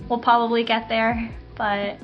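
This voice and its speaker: A woman co-hosting a casual podcast, talking in a relaxed, chatty way with many fillers. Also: fairly high pitch, unhurried, lo-fi sound, soft background music. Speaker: podcast co-host, garden operations manager. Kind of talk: casual chat.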